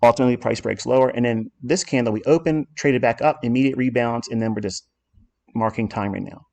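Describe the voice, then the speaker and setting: A man's voice: medium pitch, brisk, gravelly, a little mellow. A man walking through trading charts in a lesson, blunt and self-assured as he explains what he authored. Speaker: trading educator.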